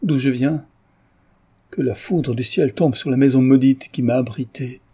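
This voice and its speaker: Guy doing a desperate young woman, pleading and fervent, husky, mellow. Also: mid-range voice, steady tone, unhurried, pitched above the performer's own voice. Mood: anguished. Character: distraught young woman, passionate and defiant.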